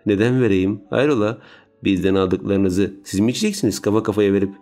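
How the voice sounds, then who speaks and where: A man's voice: lowish voice, a little fast, faint music behind, lightly acted. A man voicing a bitter, mocking teenage girl in a story reading. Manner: mocking, sharp.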